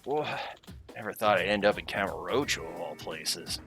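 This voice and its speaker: A man voicing a young male newcomer to Japan with a relaxed surfer drawl, reading game dialogue aloud. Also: sits low, normal speed, music in the background. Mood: earnest.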